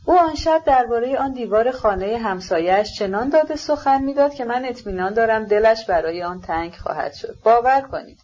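A woman reading the lines of a polished young male aristocrat in an ironic, measured way. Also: on the high side, expressive, a little mellow, slightly rough, dull audio.

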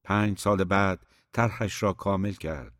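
A man reading a novel aloud as an audiobook narrator, in a measured, even storytelling manner. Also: low-pitched, no echo, clean studio sound.

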